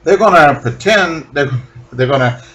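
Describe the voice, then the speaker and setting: A man co-hosting a podcast, chatting about comics in a relaxed, wry way and often trailing off mid-thought. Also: fairly high pitch, moderate pace. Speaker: podcast co-host. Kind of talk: casual comic book discussion.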